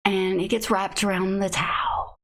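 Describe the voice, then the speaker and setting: A woman's voice: mid-range voice, little pitch movement, normal speed, a bit bright. A young woman telling a story on a live stream in a rambling, casual way, full of "like" and restarts. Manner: rambling, filler-heavy, frequent "like".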